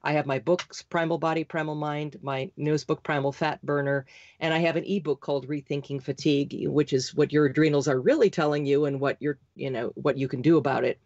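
Rapid-fire, insistent woman guest. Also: low-pitched, steady tone, a little mellow, dry recording, lo-fi sound. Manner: insistent, rapid, talks like an auctioneer. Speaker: podcast guest. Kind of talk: fast, emphatic interview talk.

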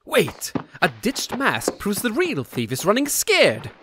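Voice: mid-range voice, huge pitch swings, takes it slowly, sharp tone, a little hiss or hum, heavily acted. A performer voicing a cocky, breezy young adult male gander in a cartoon comic dub. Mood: eager, cocky. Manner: breezy, exclaiming. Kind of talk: amateur comic dub acting.

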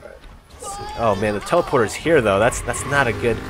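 A young man hosting a gaming channel talks fast and expressively in a mid-range voice, his nose stuffed up from a cold. He keeps up a casual, chatty stream while playing, laughing and cursing at tight moments. Background noise is present, and game music and sounds play clearly beneath him.

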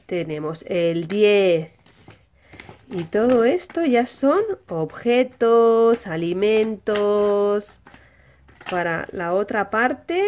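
Speaking as though to little kids, a Spanish-accented woman who hosts a children's toy channel runs a simple lesson, posing questions and answering them herself. She has a mid-range, slightly mellow voice, and the highs are cut off.

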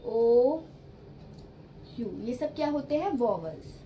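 Woman teacher, high voice, spells out words slow and patient, bit of hiss behind. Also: very animated, mellow, lo-fi sound. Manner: mixes English and Hindi. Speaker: English teacher. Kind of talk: spoken English lesson.

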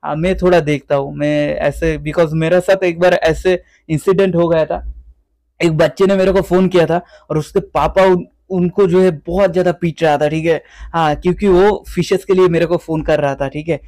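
A man's voice: a little high, steady tone, moderate pace, darkish tone, dry recording. A young man from West Bengal giving a casual video tour of his guppy breeding tanks, chatting on and on and mixing English words into his Hindi. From West Bengal, India. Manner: chatty, repeats "theek hai" often. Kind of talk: casual vlog walkthrough.

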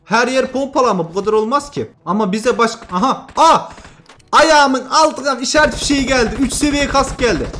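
A young man hosting a mobile shooter channel, giving excitable, trash-talking live commentary that swings between loud outbursts and muttering. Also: very high voice, brisk, slight background noise. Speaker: gaming channel host.

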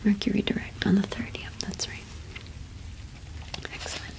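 Close to the mic, a young adult woman whispers softly and breathily, playing a cottage witch shopkeeper in a gentle, halting ASMR roleplay. Her pitch is medium and her tone level, and the audio is poor.

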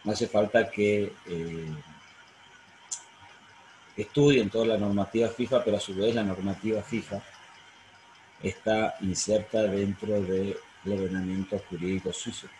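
Argentine law professor, roomy sound. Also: male voice, on the low side, fairly even intonation, a little slow, long pauses, darkish tone. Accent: Argentine Spanish. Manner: explanatory, frequent fillers and self-corrections. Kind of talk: online university lecture. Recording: roomy sound, faint noise.

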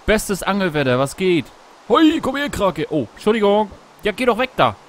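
A man casually commenting on his gameplay while fishing, talking to himself, greeting animals in the game, and yelping excitedly at each catch. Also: sits high, normal speed, a little hiss or hum. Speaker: Let's Play host. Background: background game music.

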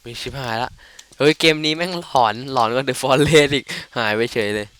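A man's voice: mid-range voice, normal speed, a bit bright. A man casually commenting on his game playthrough, joking and swearing as he goes. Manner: crude, joking, rambling. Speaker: gamer. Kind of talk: casual let's play commentary.

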